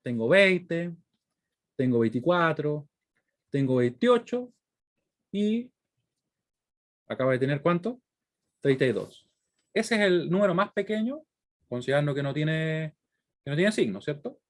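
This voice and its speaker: A male university lecturer with a Chilean accent and a slightly high voice teaches didactically, thinking aloud through worked examples. He often pauses to ask students short check-in questions, speaking unhurriedly with lively intonation and long pauses.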